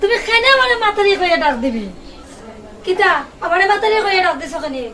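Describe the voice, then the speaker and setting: A woman with a Sylheti accent playing a fiery wife in a comedy skit, scolding and shooing her husband with sharp retorts. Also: extremely high pitch, animated, fast talker, some chatter behind, slight background noise. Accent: Sylheti Bengali. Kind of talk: comedy short film acting.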